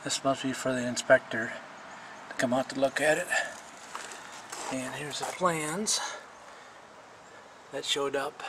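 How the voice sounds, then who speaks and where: A middle-aged man casually narrating a walkthrough of a building site outdoors, filming on a handheld camera and pausing often with fillers. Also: medium pitch, noisy background. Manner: rambling, plain-spoken, pauses with fillers while filming. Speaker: vlogger documenting a house build. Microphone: handheld camera mic while walking.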